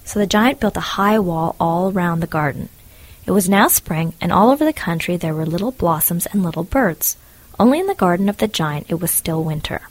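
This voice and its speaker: Woman reading a fairy tale, calm and even, dry close sound. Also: lowish voice, brisk, no room sound. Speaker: narrator. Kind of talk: storybook reading.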